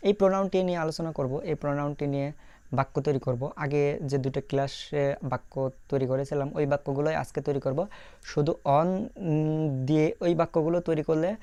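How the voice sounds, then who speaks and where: A man teaching a language lesson over his screen, repeating each phrase slowly and spelling out the sounds letter by letter. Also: a little high, dark tone, no room sound.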